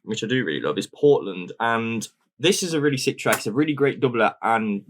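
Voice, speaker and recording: Guy cohosting a podcast, easygoing and hyped, normal pitch. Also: expressive, brisk. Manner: easygoing, enthusiastic banter. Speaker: podcast co-host. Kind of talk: casual chat.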